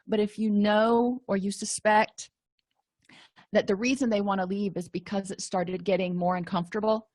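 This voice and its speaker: A woman's voice: mid-range voice, flat delivery, moderate pace, darkish tone, dry recording. A middle-aged woman clinician giving a conversational slide lecture while losing her voice. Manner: conversational, repeats and restarts words.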